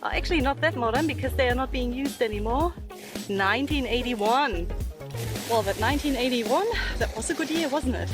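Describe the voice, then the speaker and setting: A woman's voice: fairly high pitch, lively intonation, a little fast, music in the background. A woman chats casually and muses aloud as she hosts a metal-detecting vlog. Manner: chatty, musing aloud with tag questions. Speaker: metal-detecting treasure hunter and vlog host. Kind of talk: casual vlog commentary while digging.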